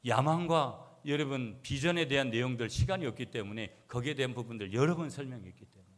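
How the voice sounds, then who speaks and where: A man's voice: mid-range voice, expressive, brisk. A man, a pastor, delivering a sermon with emphatic rises and comic dialect readings. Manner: reads a psalm in broad dialect for humor, then preaches emphatically. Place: church sanctuary. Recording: long hall reverb of a church.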